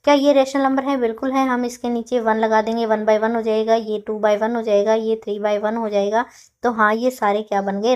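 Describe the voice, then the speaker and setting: A woman teaching a maths class, explaining step by step with rhetorical questions and slowly dictating definitions word by word. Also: on the high side, a little mellow.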